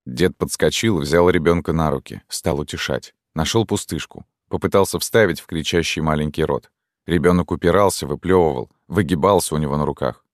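A man narrating an audiobook in a steady, measured way. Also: extremely low pitch, dry recording, studio quality.

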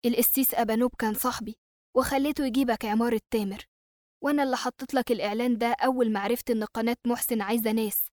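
A woman voicing a calm old father with an Egyptian accent in an audiobook. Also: fairly high pitch, racing, no echo, clean studio sound, lightly acted. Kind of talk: audiobook character reading.

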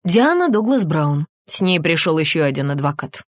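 A woman's voice: sits low, sing-song, normal speed, no echo, studio quality. A woman reading an audiobook voices a terse, matter-of-fact young male police officer.

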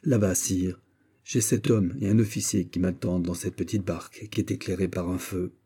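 A man reading a loyal musketeer captain, husky and dark. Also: low voice, fairly even intonation, normal speed. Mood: earnest. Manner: respectful, soldierly, earnest. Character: loyal veteran musketeer captain, bold and courteous. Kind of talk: audiobook character reading.

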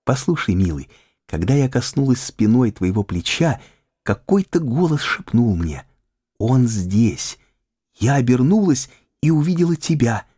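Guy doing a sweet teasing young woman in an audiobook, voice pushed up high, lilting, swoops around a lot. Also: very animated, measured pace, slightly rough, dry recording, studio quality. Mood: adoring. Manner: lilting, raised voice, soft and eager. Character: young woman, adoring, playful and tender. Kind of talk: audiobook character reading.

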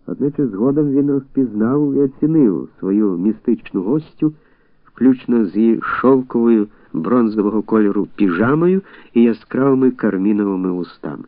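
A man giving measured literary audiobook narration. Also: mid-range voice, lively intonation, no room sound. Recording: tinny dry phone-like audio.

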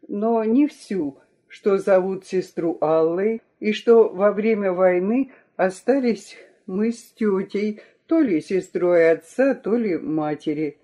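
A man with a fairly high voice reads letters aloud on a broadcast. His delivery is measured and steady. The tone of his voice is dark and mellow rather than bright.

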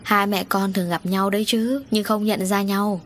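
A woman's voice: medium pitch, steady tone, moderate pace, slight background noise, close to an everyday voice. Woman reading a kindly old foster father. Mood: gentle.

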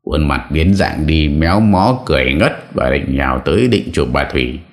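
A man reading a story aloud as an audiobook narrator, in a steady storytelling manner. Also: very deep voice, moderate pace. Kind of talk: scripted narration.

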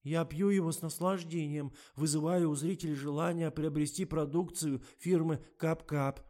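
A man doing a squeaky sulky young actress. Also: steady tone, normal speed, a little mellow, natural voice.

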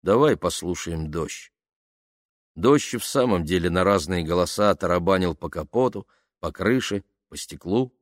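Audiobook narrator, male, low voice, animated delivery, dry close sound. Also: normal speed, no echo. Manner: lively, expressive reading. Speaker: audiobook reader. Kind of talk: scripted narration.

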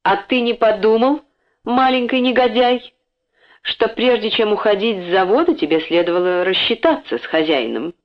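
A woman's voice: mid-range voice, expressive, moderate pace, close to an everyday voice. A woman voicing a smug older male factory owner who talks with false kindness and mockery, in a dull lo-fi recording. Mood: mocking. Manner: falsely kind, mocking.

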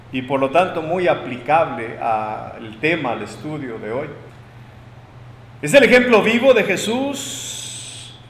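A man preaching a sermon, emphatic, swinging between loud proclamations and quiet asides, recorded in a church hall. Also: fairly high pitch, slight background noise.

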